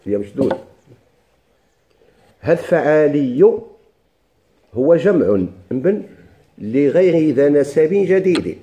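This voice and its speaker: Moroccan man teaching grammar, mellow voice. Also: fairly high pitch, lively intonation, muffled recording. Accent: Moroccan Arabic. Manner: explains slowly and repeats words for students. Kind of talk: classroom lesson.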